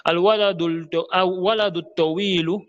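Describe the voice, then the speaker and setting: A man's voice: high voice, steady tone, fairly bright tone, highs cut off. Patient man teaching a language lesson. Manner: explains patiently, checks understanding often, reads Arabic examples slowly. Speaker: Arabic teacher. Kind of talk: online Arabic grammar lesson.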